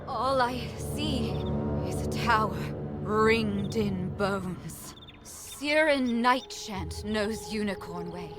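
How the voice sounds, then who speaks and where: Slow-speaking mystical guide. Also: female voice, mid-range voice, over loud music. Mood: foreboding. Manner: measured, dramatic, formal. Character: solemn mystical female guide, earnest and urgent. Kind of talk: scripted fantasy game character acting.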